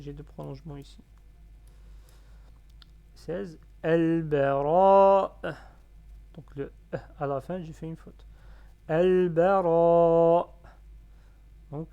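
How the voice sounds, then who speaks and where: A man teaching a reading lesson step by step. He is patient, sounding out syllables slowly and repeating them. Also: fairly high pitch, dark tone.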